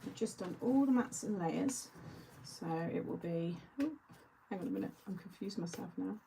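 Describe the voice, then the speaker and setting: Chatty woman with a gravelly voice. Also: mid-range voice, animated, normal speed, mellow, a little hiss or hum, low-quality recording. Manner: chatty, reads viewer comments aloud and answers them. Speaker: craft show host. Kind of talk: casual live craft-along chat.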